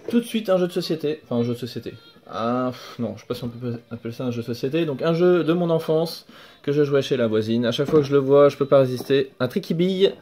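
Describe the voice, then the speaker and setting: A young man casually showing off his flea-market finds in a home vlog, relaxed and hesitant, full of fillers and self-corrections. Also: mid-range voice. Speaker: video game collector vlogger. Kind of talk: casual show-and-tell vlog. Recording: faint background music.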